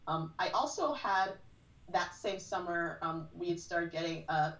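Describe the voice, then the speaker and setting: Woman, forties, podcast guest, low voice, roomy and distant from the mic. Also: a little slow, a bit bright. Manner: chatty storyteller, frequent "like". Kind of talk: casual chat.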